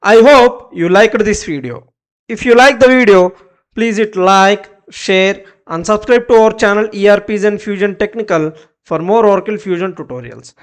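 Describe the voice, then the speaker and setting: Clipped, brief commands guide viewers through a software task step by step, spoken by a presenter with a medium pitch at a moderate pace.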